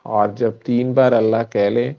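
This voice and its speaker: A man speaks in a gravelly, mid-pitched voice, leading a slow and gentle guided prayer. The audio is dull and lo-fi. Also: flat delivery. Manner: slow, soft guided meditation. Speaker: doctor and guest.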